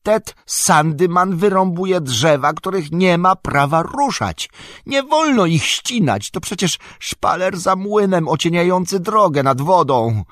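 A man voicing a young male hobbit who is loyal, excitable and fretful, bursting out in agitated, indignant speech. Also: low-pitched, a little slow, gravelly, slightly rough, no echo, studio quality, heavily acted. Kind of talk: audiobook character voice.

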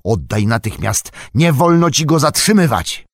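A man's voice: deep voice, expressive, unhurried, darkish tone, no room sound, studio quality. Man voicing Frodo, a despairing young hobbit. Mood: frantic. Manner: raised, strained voice. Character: weary young male hobbit, despairing, grows grasping.

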